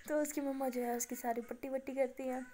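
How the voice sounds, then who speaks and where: A woman with an Indian accent retelling a love story in casual Hindi, chatty and quick, slipping into the characters' lines with excitement. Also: slight background noise. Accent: Hindi-Urdu speaking, Indian. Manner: breathless, chatty retelling, voicing characters' lines with rising pitch. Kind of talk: casual spoken storytelling with acted dialogue.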